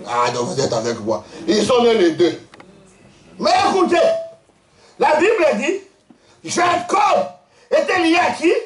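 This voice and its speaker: A man preaching a lively sermon as pastor, telling stories with frequent laughter and quizzing his congregation. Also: very high-pitched, measured pace, pauses often. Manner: animated storytelling, laughing often, quizzing the congregation. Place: church hall. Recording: echoey church hall, mic at a distance.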